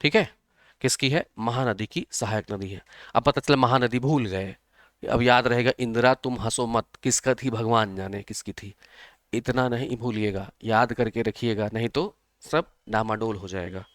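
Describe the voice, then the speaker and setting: Clear-voiced man teaching an online geography class. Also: mid-range voice, normal speed, no echo. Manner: repetitive, checks on students, uses memory tricks. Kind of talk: live online exam-prep lesson.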